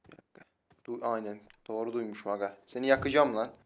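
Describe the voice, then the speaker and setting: A young man with a Turkish accent giving casual, excitable gameplay commentary and taunting opponents as he plays. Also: mid-range voice, quick pace. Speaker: mobile game streamer. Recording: noisy with loud gunfire behind.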